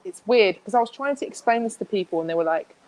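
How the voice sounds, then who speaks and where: A woman's voice: mid-range voice, lively intonation, fast talker, darkish tone, slight background noise, poor audio. A woman speaking as a guest in a casual interview, chatty, with many restarts and fillers.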